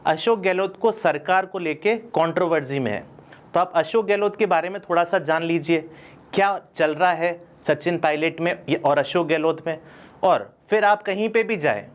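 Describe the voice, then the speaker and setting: A man's voice: a little high, measured pace. A man with an Indian accent teaching a spoken English class, explaining step by step and answering his own questions. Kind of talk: classroom lesson in Hindi.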